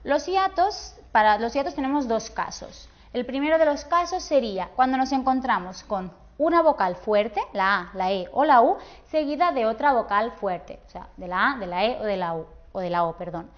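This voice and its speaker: A woman, teaching a grammar lesson patiently and slowing down to spell out words and syllables. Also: on the high side, lively intonation, lo-fi sound.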